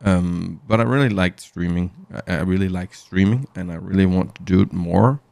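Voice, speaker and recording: A man's voice: deep voice, normal speed, creaky, a little mellow, no room sound. A man rambling chattily to his viewers during a casual live game stream, speaking into a studio mic through a mixer. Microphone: studio mic through an audio mixer.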